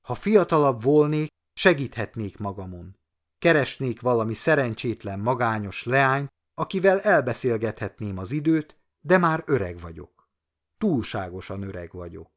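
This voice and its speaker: A man's voice: mid-range voice, big pitch swings. A gloomy, grumbling old salesman from a storybook tale, as a male narrator puts him on. He laments his age in a voice that rises and falls widely, older man's weariness in every phrase.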